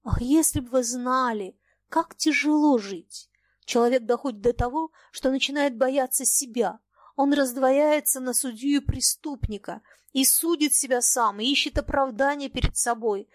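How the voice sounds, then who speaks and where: A refined lady, anxious and plaintive, as a woman reader voices her, her words hurried and a little higher than a plain reading voice. The recording is close and dry. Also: no room sound, natural voice. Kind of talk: audiobook dialogue.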